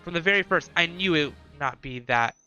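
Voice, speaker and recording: A man's voice: on the high side, a little fast, sharp tone, muffled recording, soft background music. A man reading aloud the formal, solemn lines of a house official in a video game.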